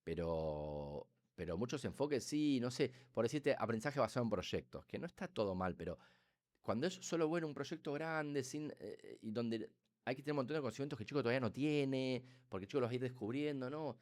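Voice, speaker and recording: A middle-aged Argentine man with a Rioplatense accent, explaining as a neuroscientist guest in a casual podcast, talkative and animated, acting out quotes and sound effects. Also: mid-range voice, brisk. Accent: Rioplatense Spanish.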